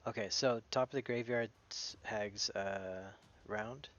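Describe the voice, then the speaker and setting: A man's voice: fairly low pitch, steady tone, a little slow, fairly bright tone, muffled recording. A man narrating as game master in a tabletop game, casual, swearing now and then, restarting his phrases as he goes.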